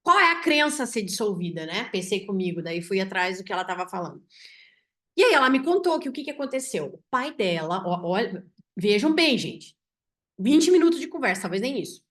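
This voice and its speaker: A woman physician with a Brazilian Portuguese accent tells a patient case to her audience. She speaks in an animated way and often ends her sentences with "né?". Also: medium pitch, a little fast. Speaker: physician teaching symbolic medicine. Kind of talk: storytelling a case to an online audience.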